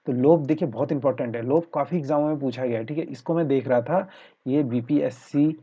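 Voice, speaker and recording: A man's voice: mid-range voice, fast, husky. A man teaching spelling and opposites for an exam-prep class, explaining step by step and saying "theek hai" again and again. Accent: Uttarakhand Hindi. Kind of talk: exam-prep Hindi lesson. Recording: muffled lo-fi sound.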